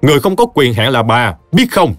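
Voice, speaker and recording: A man's voice: mid-range voice, very animated, normal speed, no room sound, lightly acted. A stern, scornful village chief in an audio story, as a man acts him, commanding. His scolding rises and falls with energy, dry and close, faint music behind. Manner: commanding and contemptuous.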